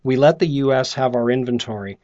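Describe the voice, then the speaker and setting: A man's voice: medium pitch, a little fast, mellow, lo-fi sound. A Canadian man representing a company, speaking casually with frequent hesitations and fillers. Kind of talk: casual interview chat.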